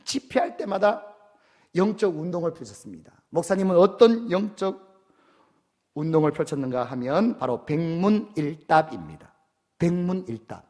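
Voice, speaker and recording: A man's voice: on the high side, lively intonation, moderate pace, mellow. A man pastor preaching a sermon in an emphatic way, often putting questions to his congregation.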